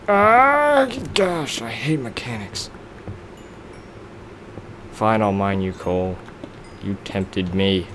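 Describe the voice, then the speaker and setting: Background noise accompanies a young let's-play gamer with a lowish voice. He chats casually over a block-building game, wandering off topic and making fun of himself while he works things out.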